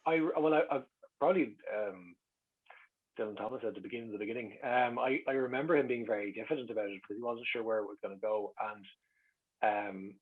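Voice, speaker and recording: A middle-aged man from Ireland speaks quickly in a lowish, slightly rough voice, telling rambling, relaxed anecdotes as a guest in an interview. His tone is wry and self-deprecating, heard through a slightly lo-fi recording.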